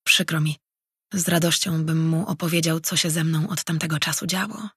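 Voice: mid-range voice, steady tone, moderate pace, bright, forceful tone, husky, dry recording, studio quality, full character voice. A narrator voicing Tajen, an earnest traveling mage. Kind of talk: audiobook character reading.

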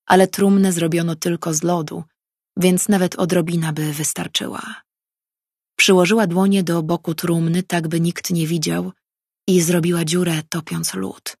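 A woman reads a fantasy story aloud in a measured, even way. Her voice is low with a gravelly, husky texture. The recording is close and dry. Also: dry recording. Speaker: audiobook narrator. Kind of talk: scripted fantasy narration.

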